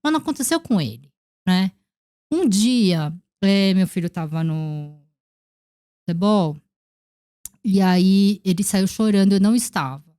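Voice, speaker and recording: A woman's voice: mid-range voice, lively intonation, measured pace, pauses often, dark tone, smooth. A woman with a Brazilian Portuguese accent, a podcast guest in her thirties, reflecting in casual conversation and acting out the people in her stories. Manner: reflective storytelling, acting out quoted dialogue.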